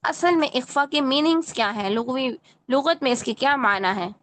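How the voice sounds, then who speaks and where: A woman's voice: high voice, animated, fairly bright tone, no room sound. A woman teaching Quran recitation in an online lesson, correcting a student patiently and often checking that she follows.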